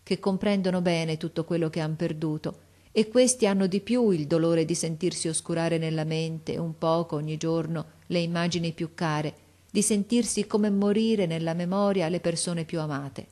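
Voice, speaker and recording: A woman narrating an audiobook in a measured, expressive storytelling manner. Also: fairly low pitch. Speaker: audiobook reader.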